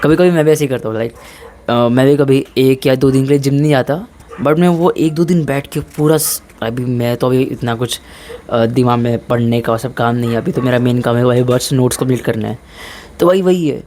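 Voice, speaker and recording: A man's voice: medium pitch, normal speed, darkish tone, a little hiss or hum. Easygoing young man giving blunt advice. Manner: informal, mixes English in, says "bhai" a lot. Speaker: fitness vlogger. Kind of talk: casual advice talk.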